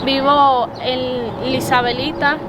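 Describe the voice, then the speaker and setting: A woman's voice: high-pitched, little pitch movement, slow. A twenty-year-old woman from the Dominican Republic with a Dominican accent, giving her testimony in an interview in an earnest, hesitant way. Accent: Dominican Spanish. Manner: earnest, hesitant, with many fillers and repeated words. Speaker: interview guest, preacher. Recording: noisy outdoor recording with traffic.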